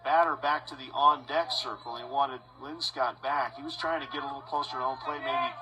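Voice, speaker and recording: A man announcing live baseball play-by-play in a measured voice that rises on big plays. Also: medium pitch. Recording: broadcast with steady background noise.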